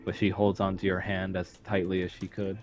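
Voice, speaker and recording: A man narrating a tabletop role-playing game as game master, describing scenes at an unhurried pace with some fillers. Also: low-pitched, completely flat delivery, soft background music.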